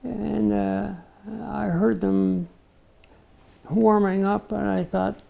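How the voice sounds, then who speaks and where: Older male interview guest, gravel in the voice, dark warm tone, unhurried storyteller. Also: sits high, level tone, poor audio. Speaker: interview guest, retired barbershop tenor. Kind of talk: casual reminiscing interview.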